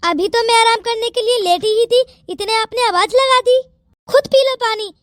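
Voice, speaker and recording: A polite, sugary young daughter-in-law, voiced for a cartoon who hides a sharp side. Her voice is extremely high. The sound is dry and close. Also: normal speed, dry recording. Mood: scornful. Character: two-faced young daughter-in-law, sweet on the surface. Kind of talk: Hindi cartoon voice acting.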